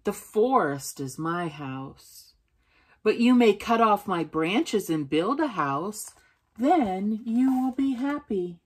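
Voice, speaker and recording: A tender, generous tree from a children's storybook, voiced by a woman reader. She speaks slowly and earnestly, always inviting and giving. Her voice has a soft, breathy grain. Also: mid-range voice, lively intonation. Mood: eager, giving. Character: loving, self-giving female tree, eager then weary. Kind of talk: children's storybook character reading.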